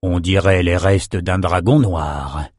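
A man voicing a self-assured old male wizard in an audiobook, speaking slowly and deliberately. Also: low voice, fairly even intonation, darkish tone, no room sound, clean studio sound, voice pushed down. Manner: slow, deliberate.

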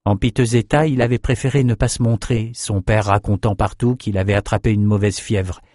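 A man reading a fantasy novel aloud in steady, measured scripted narration. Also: on the low side, no room sound, clean studio sound. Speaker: audiobook narrator.

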